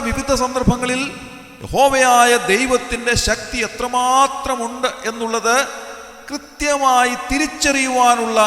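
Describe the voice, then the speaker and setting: Male preacher, earnest devotional sermon, sharp tone, long hall reverb. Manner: earnest, swinging widely in pitch and loudness, slowing on key words. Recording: echoey hall.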